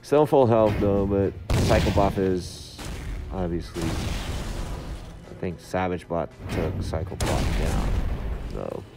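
A low-voiced man narrates his gameplay casually, muffled behind a face mask. His delivery is slow and hesitant, with long pauses. Game music plays clearly behind him, along with gunfire and vehicle noise. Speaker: gamer narrating own gameplay video. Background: game music, gunfire, vehicle sounds.

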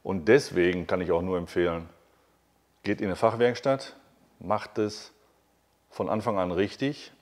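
A man's voice: sits low, measured pace, long pauses. Chatty man in a workshop hall. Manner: chatty, enthusiastic, many fillers and restarts. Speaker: host. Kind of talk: casual interview. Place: large workshop hall beside a motorhome.

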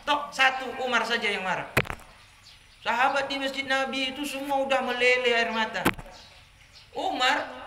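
A man preaching a religious study sermon to a group of women, telling lively stories and jumping higher in pitch for anecdotes. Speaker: Islamic preacher. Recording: echoey room with background noise.

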